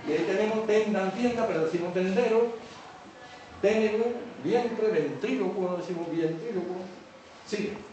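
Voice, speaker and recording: A man's voice: sits high, moderate pace, a little mellow. Man lecturing in an echoey hall. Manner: keeps checking in with the audience. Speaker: teacher. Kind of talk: public lecture on word origins. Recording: echoey hall from far off, faint noise.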